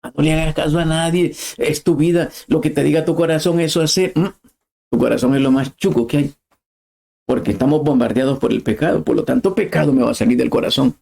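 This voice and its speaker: Impassioned preacher man, gravelly voice. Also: on the high side, brisk, warm tone. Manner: impassioned, emphatic, rising to cries. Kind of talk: sermon.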